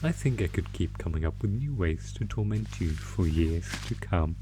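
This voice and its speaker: A man playing a sadistic monster who taunts captive prey with theatrical, drawn-out menace in an ASMR horror audio roleplay. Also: deep voice, expressive, background noise. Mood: mocking, toying.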